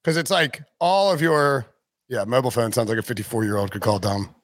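A man's voice: mid-range voice, fairly quick, a bit bright, dry recording, clean studio sound. A man in his forties hosting a casual sports podcast, joking and teasing his co-host. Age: 40s.

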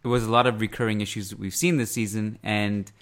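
In a relaxed sports podcast discussion, the male host speaks in measured tones, pausing mid-phrase while he reasons things through. His pitch is fairly low and his tone steady.

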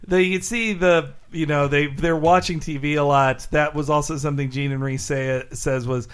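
Man, fairly high voice, podcast co-host, casual episode commentary. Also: fairly even intonation, moderate pace, clean tone.

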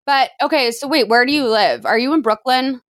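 A woman hosting a podcast in casual chat, chatty and curious with quick follow-up questions. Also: sits high, animated, no room sound, clean studio sound. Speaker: podcast host.

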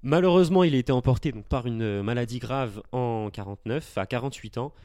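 Guy on a podcast, mid pitch, telling a story with lots of uh's, dry mic. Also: quick pace, a little mellow, no echo. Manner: storytelling, hesitant with many fillers. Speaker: podcast co-host. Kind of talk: casual podcast chat.

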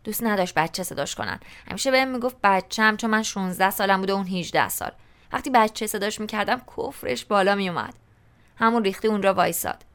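A woman's voice: mid-range voice, a bit bright, smooth. A woman narrating a novel in the first person, in a colloquial, conversational storytelling style. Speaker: audiobook narrator.

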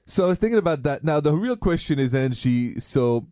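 Man, French accent, casual radio host, earnest romantic manner, warm dark tone, dry close sound. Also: fairly high pitch, expressive, brisk, dry recording.

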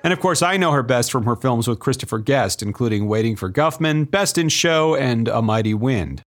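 A man's voice: medium pitch, lively intonation, normal speed. A man hosting a film music show, giving enthusiastic scripted analysis in a chatty, emphatic, appreciative way.

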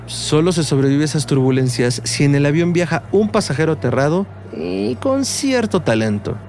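A man's voice: mid-range voice, gravelly, a little mellow. A man acting in an audio drama as an intense, solemn passenger who fears flying. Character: intense, solemn man, terrified flyer with secret talent.

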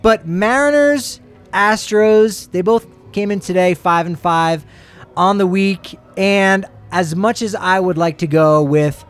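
A man's voice: sits high, slow pace, smooth, faint music behind. A man co-hosting a sports show, chatting casually and rambling through sponsor plugs with jokey asides.

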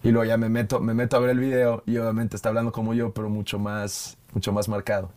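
Young Mexican man with a Yucatecan accent. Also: fairly low pitch. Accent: Yucatecan Spanish. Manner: relaxed, storytelling with quick restarts. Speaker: guest, video creator. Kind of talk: casual conversation.

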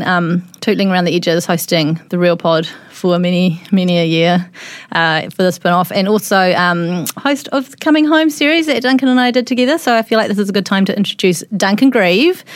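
A woman's voice: medium pitch, no room sound. A woman with a New Zealand accent casually hosting a studio panel podcast in an informal, jokey way. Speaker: podcast host and manager.

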